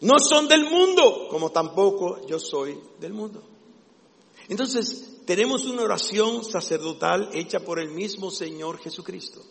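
A man's voice: sits high, measured pace, vocal fry. A man preaching a sermon with fervent, emphatic delivery. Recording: long echo of a large hall.

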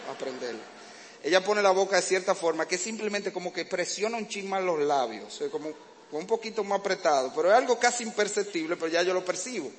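Un predicador con acento dominicano que da un sermón sobre el matrimonio con humor e imita escenas de la vida en pareja. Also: male voice, high voice, fairly bright tone. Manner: humorous, acts out domestic scenes. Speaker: preacher. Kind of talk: sermon to couples. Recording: reverberant hall, faint background noise.

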